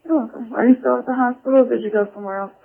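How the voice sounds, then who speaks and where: A woman police dispatcher giving brisk, clipped code calls, heard over a police radio transmission. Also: on the high side, steady tone, gravelly, breathy edge. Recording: tinny radio band.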